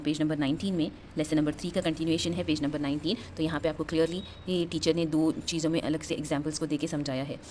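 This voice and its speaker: Low-pitched woman teacher, patient drilling, faint background hiss. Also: a little mellow. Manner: repeats each term and drills example words slowly. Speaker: Arabic teacher. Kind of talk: explaining lesson, mixing Hindi and English.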